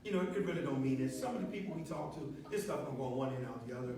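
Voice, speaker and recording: Racing and expressive, a man sells a product to a meeting-room audience like a preacher, emphatically firing questions for them to answer. The room sounds echoey and noisy, captured from a distance.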